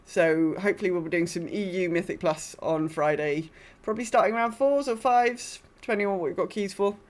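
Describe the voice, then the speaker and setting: A woman co-hosts a podcast, chatting casually about gaming in an informal, rambling way with a self-deprecating streak. Her voice is fairly low in pitch and a little fast.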